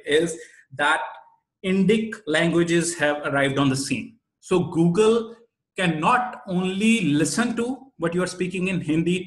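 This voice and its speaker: A man with an Indian accent presents a webinar in a fairly high voice. He explains things didactically and leans on his key points. The sound is noticeably roomy and echoey. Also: a bit bright. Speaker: webinar presenter, SEO expert.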